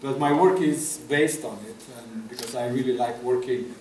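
Middle-aged guy from romania, halting speech with lots of ums, echoey room, faint hum behind. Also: medium pitch. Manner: soft-spoken, hesitant, many fillers. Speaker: guest artist. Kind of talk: interview at a festival talk. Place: room with a table, audience. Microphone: table mic on stand. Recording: echoey room, far from mic.

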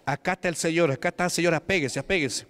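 Fervent preacher man, smooth voice. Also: fairly high pitch, fast talker, a bit bright. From Peru. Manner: fervent, exhorting, repeated commanding calls. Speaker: church deacon. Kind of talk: fervent sermon and deliverance prayer. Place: church service.

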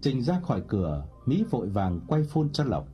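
Audiobook narrator: man, very dark and husky voice, lively pitch, faint music behind. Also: moderate pace. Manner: expressive storytelling. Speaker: storyteller and narrator.

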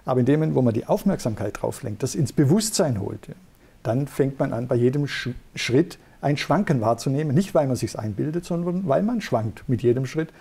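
A man's voice: mid-range voice, expressive, fairly quick, creaky, dark tone, breathy edge. A middle-aged man, a neurologist, patiently explaining in an interview. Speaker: neurologist guest.

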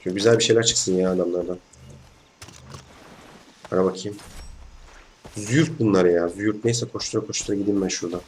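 Young male gamer host, hoarse, chatty and excitable, yelling at sudden scares, faint hiss behind him. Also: sits low, a little fast, pauses often. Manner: chatty, excitable, slangy, bursts into shouts. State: hoarse from illness. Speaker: gaming channel host. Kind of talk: casual let's-play commentary.

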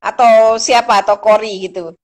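A woman's voice: fairly high pitch, steady tone, moderate pace, darkish tone. A middle-aged woman, a lecturer hosting a casual live-stream chat, encouraging and chatty, with frequent fillers and small laughs.

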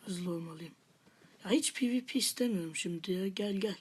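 A woman's voice: mid-range voice, a little fast, a little mellow, slight background noise. A woman hosting a gaming channel, giving live gameplay commentary with half-whispered muttered asides and playful taunts at opponents.

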